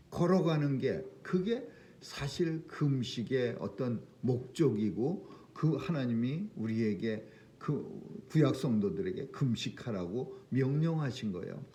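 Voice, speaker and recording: A man's voice: mid-range voice, expressive, unhurried, mellow. A man preaching an early-morning prayer sermon in an earnest way, pushing his key phrases up with emphasis and often restarting his sentences. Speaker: pastor.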